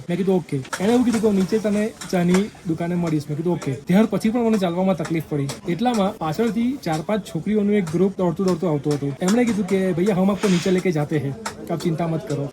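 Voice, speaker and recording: Quick, high-voiced man telling a heartfelt story. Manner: earnest and reflective, gently emotional. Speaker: pilgrim telling a personal story. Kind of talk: heartfelt personal storytelling to camera. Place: outdoors at a mountain pilgrimage site.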